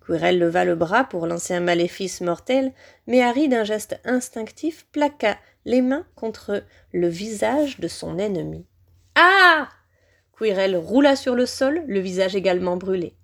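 A woman reading a fantasy novel aloud in an expressive, dramatic narration. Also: medium pitch, normal speed, vocal fry. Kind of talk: audiobook narration.

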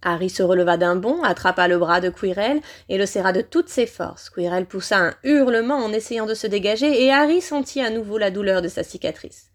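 Brief: woman, audiobook narrator, dramatic and expressive, medium pitch. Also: fairly quick, hardly any pauses.

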